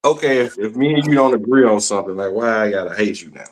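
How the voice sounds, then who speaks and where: A man's voice: lowish voice, fairly even intonation, fast. A man co-hosting a casual chat, speaking in slang and calling his friend "bro".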